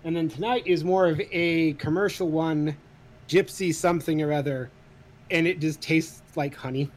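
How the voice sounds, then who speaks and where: A man in his thirties with a slightly higher voice chats casually as a podcast co-host. He gets animated, pokes fun at himself and swears freely. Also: normal speed. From Idaho, USA. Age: 30s. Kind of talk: casual chat.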